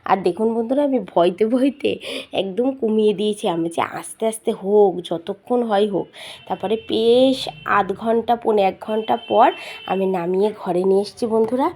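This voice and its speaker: A middle-aged woman, slightly hoarse from a cold, chatting to viewers as friends while she cooks at home, recorded on a mobile phone. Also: medium pitch, moderate pace, warm tone. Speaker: home cooking vlogger. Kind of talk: casual cooking demonstration. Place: home kitchen.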